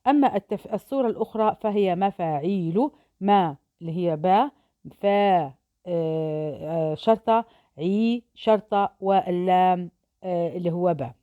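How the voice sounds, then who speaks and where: A woman teacher walks through poetic meter, counting out syllables slowly and deliberately. Her voice is low and mellow. The recording is dry and a little dull, like a basic home setup. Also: clear, resonant tone, no echo. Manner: slow syllable-by-syllable dictation.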